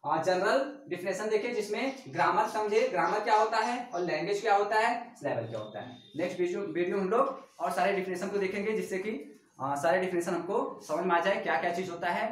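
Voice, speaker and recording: A woman's voice: medium pitch, fairly quick, a little hiss or hum. A woman teaching a grammar lesson, repeating points and asking check-in questions. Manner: repetitive, asks rhetorical check-questions. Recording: echoey room, voice far from mic.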